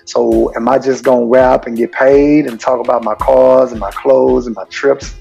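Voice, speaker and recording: A man, a high school basketball coach, answering interview questions in an earnest, rambling way full of fillers. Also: steady tone, normal speed, creaky, warm tone, breathy edge, highs cut off, faint music behind. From Houston, Texas.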